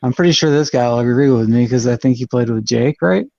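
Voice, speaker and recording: A man competing in an online trivia match, wisecracking and chiming in with quick jokes over dull lo-fi call audio. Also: mid-range voice, creaky, darkish tone. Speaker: trivia contestant. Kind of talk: casual online show banter.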